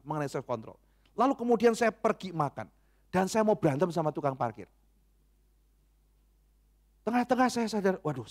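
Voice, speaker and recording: Middle-aged pastor guy preaching, slightly high voice, swings up and down a lot acting out people. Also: darkish tone. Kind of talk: sermon.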